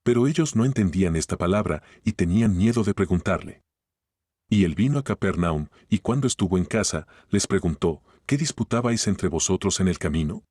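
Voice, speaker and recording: A low-voiced man reads scripture aloud in short, even phrases. His tone has a dry, close sound with little room around it. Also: no echo. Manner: steady, measured reading in short phrases. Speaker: Bible reader.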